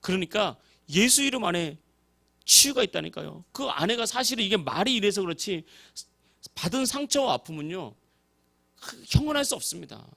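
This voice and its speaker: Animated, high-voiced male pastor preaching. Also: normal speed, creaky. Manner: storytelling sermon, acting out quoted voices. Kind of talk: sermon. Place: church sanctuary.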